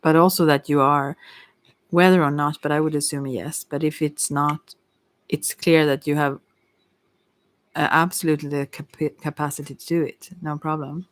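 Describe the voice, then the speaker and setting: Medium in pitch and fairly flat, with little pitch movement, this voice proceeds at a normal speed. It belongs to a tarot reader on an ASMR livestream who gives laid-back, kindly encouraging spiritual guidance, wandering hesitantly and frequently leaving thoughts unfinished.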